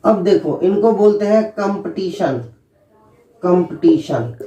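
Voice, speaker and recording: A male English teacher giving a spelling and pronunciation lesson, spelling words out letter by letter and repeating them slowly. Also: high-pitched, animated, dark tone. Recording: roomy echo, distant mic.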